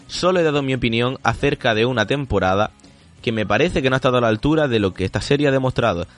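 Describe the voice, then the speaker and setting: A man's voice: medium pitch, quick pace, faint music behind. A man hosting a casual podcast chat, reading listener comments aloud, laughing often and swearing casually.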